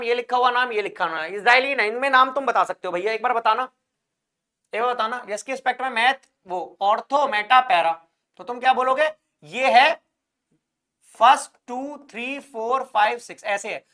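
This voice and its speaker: A male chemistry teacher with a very high-pitched, sharp voice delivers an exam-prep lecture, posing questions and answering them himself. He calls his students "brother" and "child" and uses jokey wordplay as memory tricks to make the material stick.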